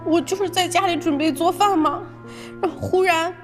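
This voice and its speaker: An actress playing a volatile woman defendant in a crime drama, defiant and shouting. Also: moderate pace, music in the background. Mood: bitter pleading. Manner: shrill, defiant, shouting and sobbing. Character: volatile middle-aged woman defendant, combative.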